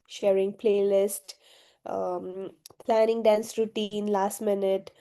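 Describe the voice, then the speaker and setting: A young woman from Gujarat, India, a university student, gives casual interview answers in a slow, mellow, mid-range voice. She sounds hesitant and soft-spoken, with lots of fillers.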